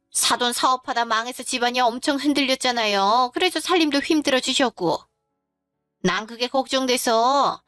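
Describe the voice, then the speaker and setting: Woman voicing a scornful middle-aged mother-in-law, dismissive, blunt, slightly high voice, dry close sound. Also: a bit bright, no room sound, lightly acted. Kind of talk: storytelling drama voice acting.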